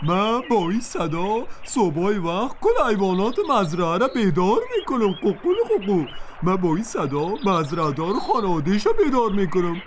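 A woman's voice: mid-range voice, hardly any pauses, a little hiss or hum, pitched below the performer's own voice, natural voice. A woman voicing a proud, kindly male farm rooster who crows between lines. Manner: crowing, lively, advising.

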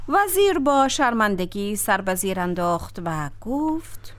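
A woman narrating a classic tale in an expressive storytelling voice. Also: mid-range voice.

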